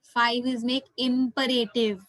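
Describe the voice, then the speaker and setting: A woman's voice: on the high side, little pitch movement, measured pace, fairly bright tone, no echo. A woman with an Indian accent teaching an interactive online class as a language teacher, encouraging and full of praise, often repeating herself. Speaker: French teacher.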